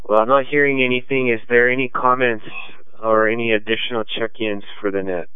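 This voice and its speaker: A man acting as net control of an amateur radio net, unhurried and measured with frequent pauses, heard through a two-way radio. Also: medium pitch, little pitch movement, clear, resonant tone, dry recording. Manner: unhurried and measured, many ums. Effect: heard over a two-way radio. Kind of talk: ham radio net, calling for check-ins. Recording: tinny radio transmission, dry.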